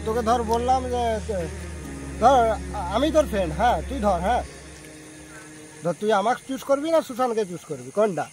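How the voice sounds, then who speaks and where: A man hosts in a casual, chatty way and presses with questions. His voice is high and he talks very quickly. Music runs underneath. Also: animated, a little mellow, low-quality recording. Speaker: host making prank calls to friends. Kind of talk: casual chat.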